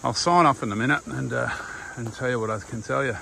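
An older Australian man talks in a laid-back, rambling way, like someone vlogging on a walk. His voice sits at a middling pitch. It is recorded outdoors on a handheld device, with clear wind and ambient noise behind him. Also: fast talker, sharp tone, rough recording. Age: older, around 60s. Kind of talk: casual walking vlog chat. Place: outdoors on a windy coastal walking path.

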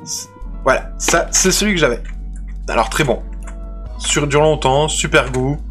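A man's voice: a little high, a little slow, fairly bright tone, soft background music. A man hosting a casual unboxing video, chatty and playful, often restarting his sentences. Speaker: unboxing channel host.

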